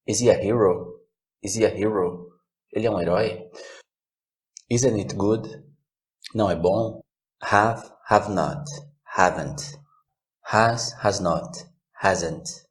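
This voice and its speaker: A man teaching a recorded language lesson, with slow, clear, measured delivery. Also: fairly low pitch. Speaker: English teacher.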